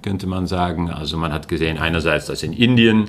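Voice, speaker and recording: This guest, a Dutch-speaking linguistics lecturer from the Netherlands, answers interview questions casually in a deep, gravelly voice. He talks fairly quickly but hesitantly, full of fillers and false starts, over a little hiss or hum.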